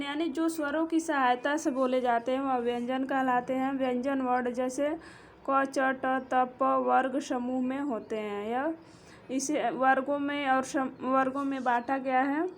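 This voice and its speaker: Woman, teacher, high voice, slow and deliberate, explanatory, faint background hiss. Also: steady tone. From India. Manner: slow, drawn-out, explanatory, counting letters aloud. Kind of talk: Hindi grammar lesson.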